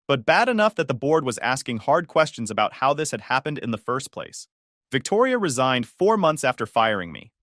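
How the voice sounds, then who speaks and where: Dry, measured male story narrator. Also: fairly high pitch, fairly bright tone, dry recording. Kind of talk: scripted first-person story narration.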